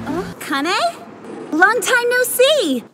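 Young anime woman, very high, perky, upbeat, dub acting, music behind. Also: big pitch swings, drawn-out words, full character voice. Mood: cheerful. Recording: loud background music.

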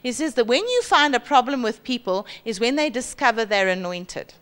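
A woman's voice: moderate pace, clear, resonant tone. A woman in her forties with a South African accent, preaching a sermon on a church stage into a handheld mic and mimicking boastful people. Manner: lively, acts out boastful voices with high pitch jumps. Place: large church hall stage.

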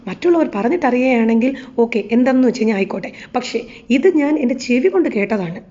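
A woman's voice: on the high side, lively intonation, quick pace, mellow, close to an everyday voice. Defiant young wife, woman reading her lines. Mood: indignant. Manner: indignant, accusing retorts. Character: defiant young woman, sharp-tongued daughter-in-law. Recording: slightly dull lo-fi recording.

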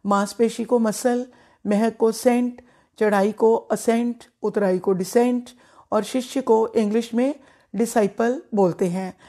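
A middle-aged woman teaches English pronunciation, taking her time over every word. Her voice is warm and mellow, and she speaks slowly and deliberately, repeating each example so it sinks in. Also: fairly high pitch, steady tone. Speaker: English teacher, former principal. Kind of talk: pronunciation lesson in Hindi.

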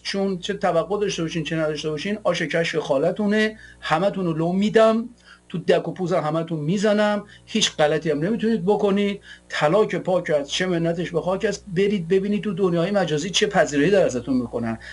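A man's voice: high voice, darkish tone. A man from Iran hosting a political show, delivering a combative monologue in a taunting, mocking way. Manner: taunting, mocking, rants with scornful laughs.

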